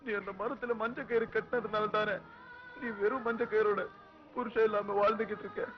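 Actor as a beaten young village son, strained and tearful, high pitch, dull film audio. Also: male voice, steady tone, a little fast, soft background music, lightly acted. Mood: defiant, comforting. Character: beaten young village man, brave and comforting.

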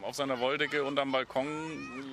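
A man's voice: medium pitch, little pitch movement, normal speed, noisy background. A male reporter asking short questions outdoors in a street interview. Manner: short prompts and backchannels.

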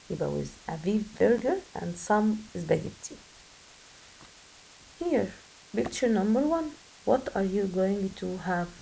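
A woman with an Egyptian Arabic accent teaching an English grammar lesson, switching between slow English and quick Arabic explanations. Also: medium pitch, vocal fry, dark tone, a little hiss or hum, poor audio.

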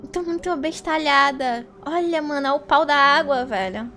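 A young Brazilian woman chatting casually as a cute anime-style VTuber streamer, excitable and gushing as she plays a game. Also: high-pitched, normal speed. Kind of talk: casual live game-stream commentary to chat. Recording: game music behind. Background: video game music.

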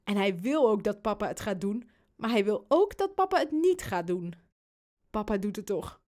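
A woman reading a children's storybook aloud, in an expressive, unhurried storytelling manner. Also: mid-range voice. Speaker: audiobook narrator.

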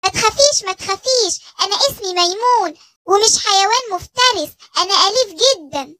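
A friendly, protective forest animal reassures in an Egyptian Arabic accent. The voice is very high, bright and dry, in a children's cartoon. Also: female voice, animated, a little fast, no echo, heavily acted. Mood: reassuring.

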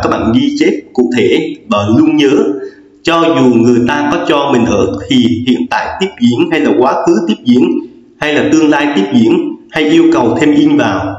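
A man's voice: medium pitch, animated, normal speed, a little mellow. A man teaching an English grammar lesson, explaining patiently and repeating each rule with frequent fillers. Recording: echoey lo-fi room recording.

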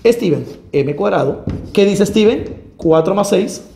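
A man teaching math in a lively, joking, coaxing way. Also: high-pitched, a little slow, creaky, slight background noise. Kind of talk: animated math lesson.

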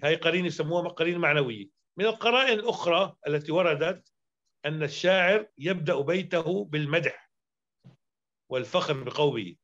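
A man's voice: a little high, fairly bright tone. Arabic grammar teacher, a man, lecturing. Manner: explanatory, repeats points and checks understanding. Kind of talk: lecture explaining grammar verse. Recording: dull lo-fi sound.

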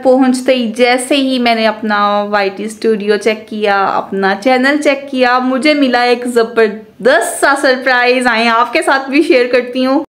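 A woman's voice: a little high, measured pace, hardly any pauses, a little hiss or hum. A young woman chatting casually to her viewers in a family vlog. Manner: chatty, warmly addressing viewers. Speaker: family vlogger.

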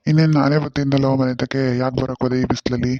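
A man voicing a gentle old village grandfather in a cartoon, with a calm, soothing manner. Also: mid-range voice, racing, dry recording, dull audio, natural voice. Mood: coaxing. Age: older. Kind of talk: cartoon voice acting.

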